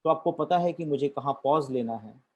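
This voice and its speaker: A man giving a corporate training talk on storytelling, deliberate and switching between Hindi and English. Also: fairly high pitch.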